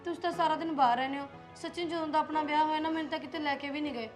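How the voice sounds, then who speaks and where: A woman's voice: high-pitched, steady tone, rapid-fire, faint music behind, lightly acted. A young woman playing a patient daughter-in-law from Punjab, earnest and pleading. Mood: soft. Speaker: young wife. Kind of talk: amateur village drama acting.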